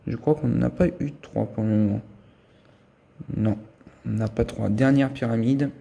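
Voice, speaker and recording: Gravelly man chatting through scratch cards. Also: medium pitch, fairly even intonation, unhurried, warm tone. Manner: chatty, thinks aloud while checking symbols and letters. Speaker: scratch-card vlogger. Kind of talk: casual running commentary.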